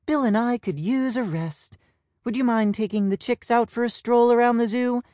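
Judy, a tired mother peahen, speaks softly and kindly, as a man puts her on. Her voice sits lifted above the reader's own, in a dry, close storybook recording. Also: very high-pitched, moderate pace, no echo, pitched above the performer's own voice. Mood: gentle.

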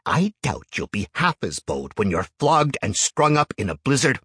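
A man's voice: sing-song, unhurried, fairly bright tone, breathy edge, no room sound, studio quality, exaggerated voice. A man voicing a pompous, haughty middle-aged male clan arbiter who proclaims and threatens from above. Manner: haughty, booming.

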